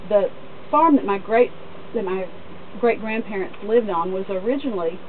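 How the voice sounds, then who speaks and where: A thin, phone-like outdoor recording with clear background noise carries a middle-aged woman's voice at medium pitch. She speaks as a daughter giving an informal eulogy. Her storytelling is reflective and unhurried, with halting pauses. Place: outdoors at a cemetery.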